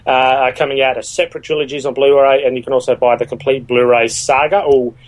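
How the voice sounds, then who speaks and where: A man chatting casually as a podcast co-host, speaking in a hesitant, halting way with many fillers. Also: medium pitch, flat delivery, rough recording. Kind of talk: casual chat about films.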